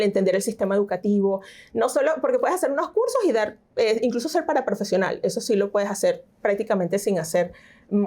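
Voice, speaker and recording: A woman's voice: medium pitch, mellow. A middle-aged woman, a teacher and interview guest, explaining things step by step with fillers and English school terms mixed in. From Venezuela. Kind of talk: interview conversation.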